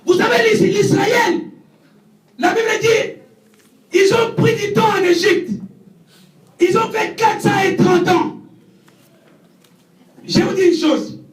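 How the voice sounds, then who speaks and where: High-pitched shouting preacher, echoey hall. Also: male voice, steady tone, takes it slowly, pauses often. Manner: shouting, impassioned, drops low for asides. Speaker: evangelist preacher. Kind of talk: sermon. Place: church hall. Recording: echoey church from far off.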